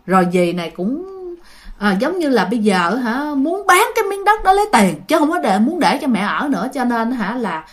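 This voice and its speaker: A woman's voice: on the high side, big pitch swings, normal speed. A woman casually telling a ghost story, chatting to her listeners and often repeating her words.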